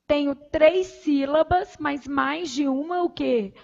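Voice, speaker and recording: A woman with a Brazilian Portuguese accent teaching grammar, asking the class questions and answering them herself, and counting syllables aloud slowly. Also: high-pitched, creaky, muffled recording. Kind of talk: recorded grammar lesson.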